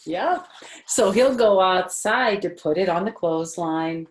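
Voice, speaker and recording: This is a grandmotherly older woman reading a picture book to children with lively intonation in a voice on the low side. She's chatty, asks her listeners questions, pauses on phrases and adds casual asides. The room is echoey, with a little hiss or hum.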